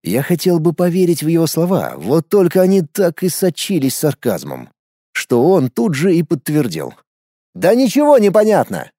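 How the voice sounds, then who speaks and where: A man reads a first-person audiobook with wry, even-tempered storytelling. His tone is mellow and warm, his intonation lively. The recording is dry and close. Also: fairly high pitch, moderate pace, no room sound. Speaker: audiobook narrator.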